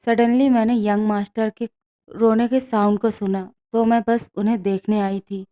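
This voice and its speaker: A woman voicing a gentle, anxious female servant who talks in a soft, coaxing tone. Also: medium pitch, fairly even intonation, normal speed, lightly acted.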